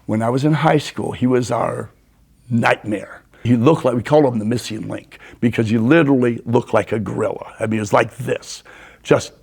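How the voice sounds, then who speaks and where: An older man as a guest, telling animated stories and acting out the quotes. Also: mid-range voice, normal speed, vocal fry, breathy edge. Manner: animated storyteller, acts out quotes. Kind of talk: storytelling in a conversation.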